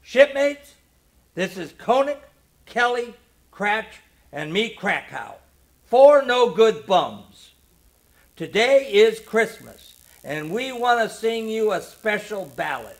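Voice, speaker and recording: A man voicing a gruff, tearful young sailor who pleads and booms loudly. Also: sing-song, takes it slowly, heavily acted. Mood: booming. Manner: loud, pleading and urgent.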